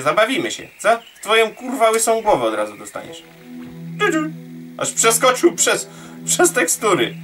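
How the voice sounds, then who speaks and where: A man commentates his own gameplay in a bright, tense voice that swoops up and down. He teases and talks to the enemies on screen and swears often. He sits a bit back from the mic, and there is faint hiss underneath. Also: high-pitched, far from the mic. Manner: playful, jokey, swears, talks to enemies in the game. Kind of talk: let's play commentary.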